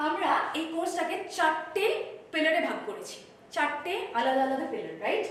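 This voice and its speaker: A Bengali-accented woman teacher lays out her spoken English course step by step, switching between Bengali and English. Her voice sits high and lands from a distance in a very echoey room. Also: sing-song, normal speed, slight background noise. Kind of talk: course introduction lesson. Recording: roomy echo, voice from far off.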